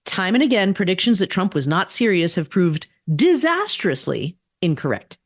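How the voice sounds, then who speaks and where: A woman co-hosting a political podcast, talking emphatically with rhetorical questions and quick asides. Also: on the low side, very animated, no room sound, studio quality. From daughter of immigrants. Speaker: podcast co-host. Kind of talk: casual political chat.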